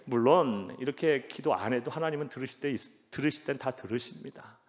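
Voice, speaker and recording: A man's voice: medium pitch, a little fast. A male pastor preaching a Sunday sermon, building to emphatic exclamations and blessings. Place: church sanctuary. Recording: long church hall reverb.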